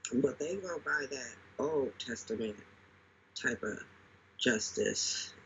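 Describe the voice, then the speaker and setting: A man talking casually with a very husky, bright voice. He retells things dramatically and leans on repetition. The recording sounds dull and lo-fi. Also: mid-range voice, animated, slow pace. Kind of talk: casual conversation. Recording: dull lo-fi audio.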